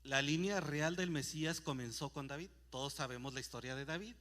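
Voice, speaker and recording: A man preaches a church sermon, his voice a touch high and very bright. He reads scripture with emphasis and poses rhetorical questions to his listeners. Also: fairly quick. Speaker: pastor.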